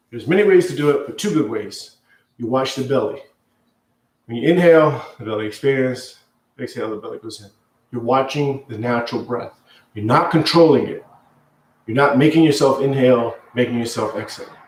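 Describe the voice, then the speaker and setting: A man teaching meditation in a loose, unscripted way, guiding slow breath counting in short, repeated phrases. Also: mid-range voice, a little hiss or hum. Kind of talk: guided meditation instruction, loosely ad-libbed. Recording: echoey room, distant from mic.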